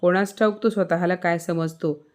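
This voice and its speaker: A woman's voice: mid-range voice, fairly even intonation, moderate pace, darkish tone, soft background music, natural voice. A woman voicing a proud, stubborn young wife who speaks with indignation. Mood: indignant.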